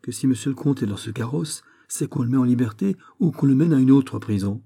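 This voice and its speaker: Blunt old manservant, husky and mellow, read by a man, matter of fact. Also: medium pitch, animated, a little fast, no echo, voice pushed up. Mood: reasoning.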